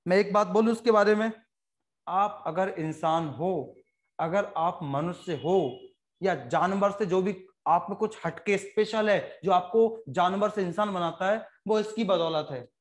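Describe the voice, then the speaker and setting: A man with an Indian accent teaching a biology class, joking with students and telling quick stories in a lively lecture. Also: high-pitched. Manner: joking, animated, fast-talking lecturer who puts on quick voices for stories.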